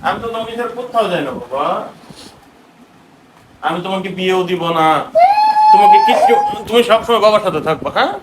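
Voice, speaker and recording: A father in a home video, gently comforting and reassuring his crying daughter. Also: high-pitched, quick pace, pauses often, echoey room, very noisy. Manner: soothing, tender, comforting a crying child. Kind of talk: home video family chat.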